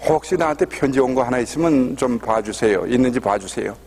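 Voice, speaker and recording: A man voicing a calm, firm older former sea captain giving instructions, with a husky voice in a long-reverb hall. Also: medium pitch, brisk, pitched below the performer's own voice, close to an everyday voice. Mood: polite.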